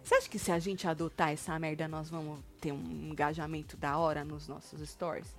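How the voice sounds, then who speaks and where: A woman's voice: deep voice, level tone, brisk, faint music behind. A woman with a Brazilian Portuguese accent co-hosting a casual chat, joking and mocking in a playful way. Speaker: co-host of a gossip channel.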